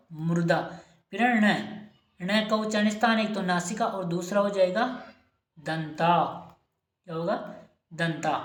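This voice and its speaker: A woman teaching an exam-prep lesson, asking questions and answering them herself, repeating each key term. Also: mid-range voice. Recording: echoey room.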